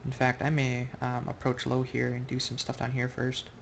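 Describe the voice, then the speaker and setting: Gravelly man thinking aloud over a game. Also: medium pitch, completely flat delivery, normal speed, slight background noise. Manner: rambling, thinks aloud, corrects himself mid-sentence. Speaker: Go player commenting on his own online game. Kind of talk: casual live game commentary.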